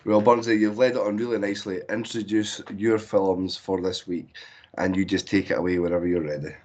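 A man hosts a casual podcast chat with a deep, husky voice that is hoarse from a cold. He is laid-back and jokey and draws out his openings. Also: level tone, fairly quick, darkish tone. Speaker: podcast host.

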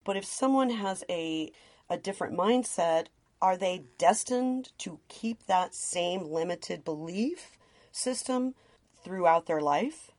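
Female co-host, a little low-pitched, curious and conversational. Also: expressive, slow, a little mellow. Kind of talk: casual podcast conversation.

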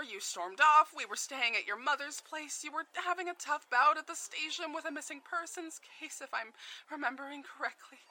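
A woman playing a guilt-ridden mother haunted by voices in an audio drama, speaking haltingly and with strain. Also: medium pitch, sharp tone. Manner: halting, emotionally fraught.

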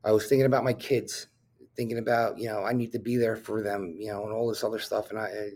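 A man's voice: lowish voice, level tone, fast talker, a little mellow. A police officer from New Jersey, a man, talking as a podcast guest and telling his own story candidly, bluntly, swearing often and filling with "um". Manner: blunt and profane, with frequent fillers.

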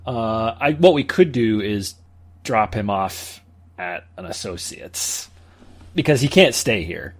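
A man's voice: on the low side, animated, takes it slowly. A man playing a tabletop role-playing game, cutting in with jokes. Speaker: player.

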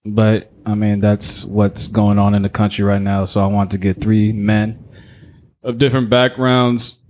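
Low-voiced man hosting a podcast. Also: flat delivery, measured pace, a little mellow. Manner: loose, filler-heavy questioning. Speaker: podcast host. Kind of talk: casual podcast chat.

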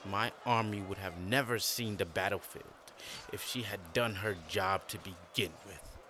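A man's voice: deep voice, unhurried, noisy background, voice pushed down. A man voicing an angry, proud emperor who scolds and gives commands. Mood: boastful.

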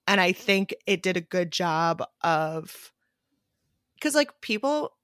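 A young woman co-hosting a podcast, chatting in an animated way with lots of "like". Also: on the low side, slow, smooth, no echo, studio quality. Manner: animated, full of fillers. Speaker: podcast co-host. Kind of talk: casual chat.

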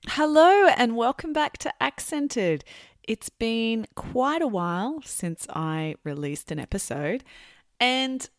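A woman hosting a podcast for English learners, explaining things in a measured, teacherly manner. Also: on the high side, dry recording, studio quality.

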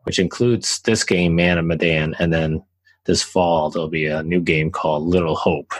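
Casual game review talk comes from a young man co-hosting a podcast, his deep voice at a moderate pace. He rambles in a relaxed way with fillers and restarts, and the audio is dry and low in quality.

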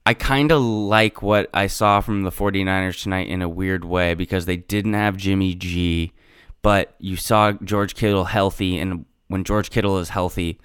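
A man's voice: low-pitched, clear, resonant tone, dry recording, studio quality. A man hosting a sports podcast, recapping games in an informal, slangy way.

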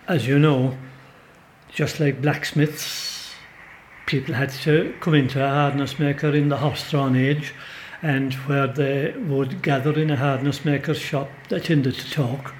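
An older Irishman from Kerry, a storyteller and folklorist, tells rambling, emphatic anecdotes as an interview guest in the back of a pub. His mid-range voice is a little mellow, and the recording carries a faint hiss or hum. The talk is relaxed and conversational.

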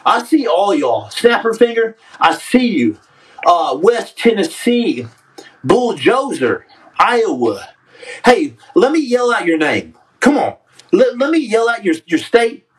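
High-voiced joking man, a bit far from the mic. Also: a bit bright. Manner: joking, trash-talking, calls people son. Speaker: podcast host reading live chat. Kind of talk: casual livestream chat.

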